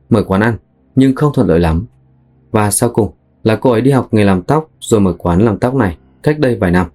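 Guy telling a true crime story, kinda low mellow voice, calm and steady, soft music under it. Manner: calm, steady storytelling, addresses listeners directly. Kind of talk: scripted true crime narration.

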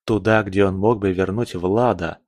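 Low-voiced male audiobook narrator. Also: steady tone, normal speed, darkish tone, no room sound, studio quality. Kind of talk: scripted narration.

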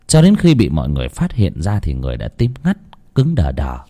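A man narrating a ghost story in a dramatic, hushed storytelling manner. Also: rumbling low, huge pitch swings, brisk.

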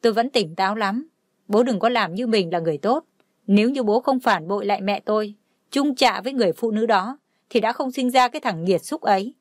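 A woman's voice: on the high side, dry recording, studio quality, lightly acted. A woman voicing a drunk, heartbroken young man who slurs and lashes out in anger. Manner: slurred, bitter shouting.

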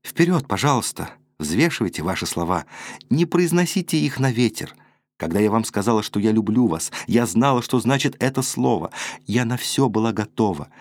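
A man's voice: lowish voice, animated, normal speed, no room sound. A man voicing a passionate, proud eighteen-year-old woman who speaks with emotional reproach. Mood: reproachful.

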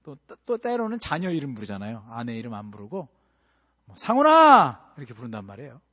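A man preaching a sermon in a church sanctuary, dramatic and swinging between hushed asides and loud bursts. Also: mid-range voice, lively intonation, quick pace. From Busan, South Korea. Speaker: pastor. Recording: long hall reverb.

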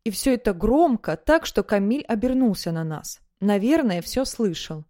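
A woman narrating an audiobook in the first person, in a lively, conversational way. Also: mid-range voice, normal speed, no room sound, studio quality.

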